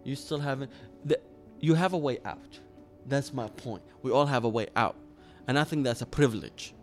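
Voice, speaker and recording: Speaking at a moderate pace in a mid-range voice, this earnest Iraqi interviewee in his 30s recounts his personal story, with faint music playing behind him.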